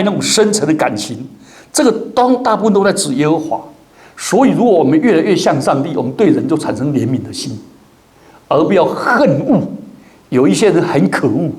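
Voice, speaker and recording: A male pastor delivers a sermon in church, his voice pitched high for a man. His intonation swings widely, and he acts out the people in his stories. He drops English words into his preaching. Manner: animated, acts out quoted people with big pitch jumps. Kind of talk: expository sermon.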